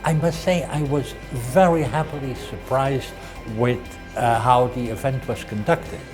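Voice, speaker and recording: A man's voice: medium pitch, a little slow. A man giving an interview testimonial as an event attendee. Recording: music behind the voice.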